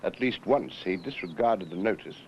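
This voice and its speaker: An actor playing a wry senior British detective in a 1970s television drama, speaking in a clipped, dryly authoritative way. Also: male voice, sits low, animated, normal speed. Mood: measured, explanatory. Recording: dull, noisy 1970s television location sound.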